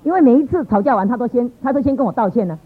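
A woman's voice: on the high side, racing. Middle-aged woman telling her story, tinny sound. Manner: lively, exclamatory, laughs often. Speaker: church member giving a testimony. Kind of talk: personal testimony storytelling.

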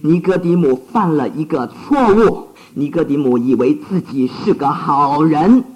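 High, lively-voiced man preaching a sermon. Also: a little slow, dull audio. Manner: emphatic, pleading exhortation.

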